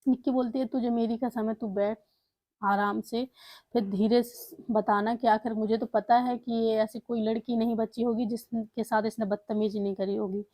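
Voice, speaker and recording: A woman's voice: fairly high pitch, flat delivery, moderate pace, dark tone, dry recording. A woman casually telling a family story, retelling the dialogue in her plain voice with fillers and restarts.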